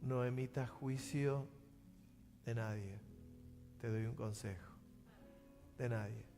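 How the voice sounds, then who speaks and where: A pastor with a Rioplatense Spanish accent preaching a sermon, swinging from loud outbursts to hushed, slow pleading. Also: male voice, medium pitch, fairly even intonation. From Argentina. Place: church sanctuary. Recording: church hall reverb with music.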